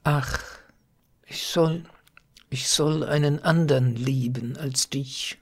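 A man voicing a grieving young shepherdess who pleads through tears, in a husky, gravelly voice. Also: medium pitch, takes it slowly. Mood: tearful. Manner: tearful, pleading.

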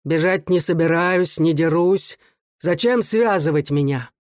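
A man's voice: a little high, a little slow, no room sound, clean studio sound, lightly acted. A man reading aloud voices a defiant bearded peasant who speaks firmly in a raised, accusing voice. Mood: calm defiant.

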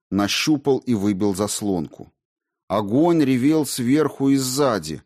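A man narrating an audiobook in a steady, measured way. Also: mid-range voice. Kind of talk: scripted narration.

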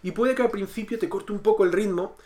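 A man's voice: high-pitched, quick pace, mellow. A man co-hosting a podcast, chatting casually about a TV series, rambling with many restarts and repeated words. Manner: acts out characters' lines in quotes. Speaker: podcast co-host reviewing a TV series. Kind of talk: casual chat.

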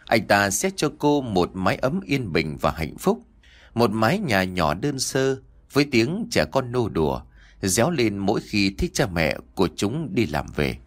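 A male audiobook narrator telling a dramatic tale. His voice is low yet swings widely in pitch, reading with expressive, emotive delivery. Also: measured pace.

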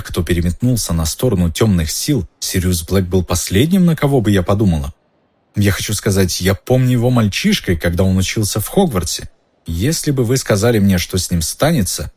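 A man voicing a chatty, curious middle-aged female innkeeper in a raised, softened voice, reading an audiobook. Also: fairly low pitch, animated, a little fast, breathy edge, dry recording. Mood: reminiscing. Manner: gossipy, curious, lilting. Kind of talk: audiobook character voice.

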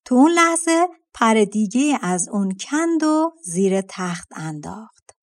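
Calm woman narrating a fairy tale. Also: a little high. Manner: calm, measured storytelling. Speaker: audiobook narrator. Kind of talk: storybook narration.

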